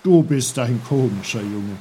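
A man playing a tiny, gruff uncle figure who lectures like a schoolmaster, in a storybook reading. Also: mid-range voice, expressive, a little slow, mellow, a little hiss or hum, lightly acted. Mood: lecturing.

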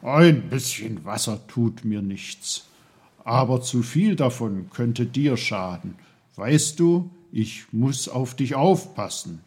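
A man playing a tiny, gruff uncle figure who lectures like a schoolmaster, in a storybook reading. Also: medium pitch, expressive, slow pace, a little mellow.

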